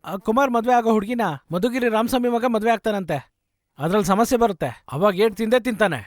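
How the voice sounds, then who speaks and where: A blunt relative warns of trouble ahead, voiced by a male dubbing actor. He talks fast in a high voice. The sound is dry and close. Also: no room sound, close to an everyday voice. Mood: foreboding.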